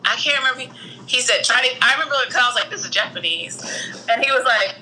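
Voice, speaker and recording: A young woman chatting casually, telling a funny story in an animated, slangy way and often breaking into laughter. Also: sits high, very fast, slight background noise, rough recording.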